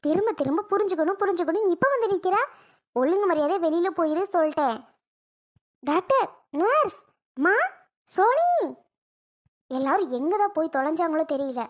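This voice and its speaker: A woman voicing an injured young wife in a cartoon, who is furious and scolds sharply. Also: quick pace. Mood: angry. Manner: shrill, scolding, exasperated. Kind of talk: cartoon voice acting.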